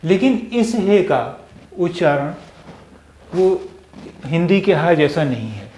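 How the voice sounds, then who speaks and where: A man teaching a language lesson, patiently repeating sounds and syllables, with many pauses and fillers. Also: fairly high pitch, lively intonation, a little mellow, a little hiss or hum. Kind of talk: slow spoken language lesson. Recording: echoey room.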